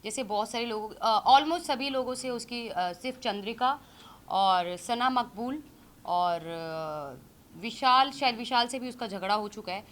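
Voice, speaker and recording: A woman in her thirties, an interview guest, giving critical views in a measured, hesitant way. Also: fairly high pitch, lively intonation, a bit bright, slight background noise. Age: 30s. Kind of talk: casual interview talk.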